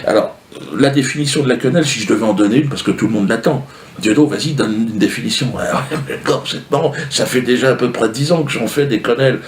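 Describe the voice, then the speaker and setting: A man's voice: mid-range voice, fast. A male comedian telling a long comic story to camera in a casual, slangy, rambling way. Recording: roomy echo, faint noise.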